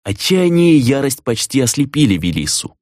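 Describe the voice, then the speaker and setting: A man narrating a fantasy novel in an expressive, dramatic reading. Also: medium pitch, normal speed, dry recording, clean studio sound. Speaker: audiobook narrator. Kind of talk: scripted narration.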